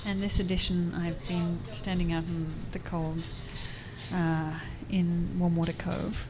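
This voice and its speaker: An Australian woman, a university professor who is also an artist, chats as a guest in a radio interview at a busy public fair with crowd noise behind her. Her voice is fairly low and flat, her pace a little slow. She laughs often and keeps restarting her sentences.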